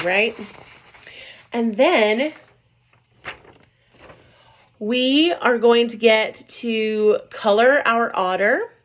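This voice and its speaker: A woman teacher reading a picture book aloud to young children, gentle and sing-song, often checking in with "right?". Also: fairly high pitch.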